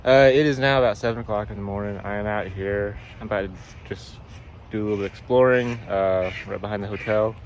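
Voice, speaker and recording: A man's voice: lowish voice, fast talker. A man talking casually to camera as a family vlog host, recorded outdoors with some background noise. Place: outdoors behind a hotel in the morning.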